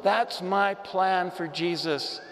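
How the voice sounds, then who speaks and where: A man's voice: high voice, fairly even intonation, slow, fairly bright tone, long reverb tail, pitched above the performer's own voice, full character voice. A man doing a stern, scolding voice from heaven. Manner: scolding, commanding. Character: stern, fed-up divine voice from heaven.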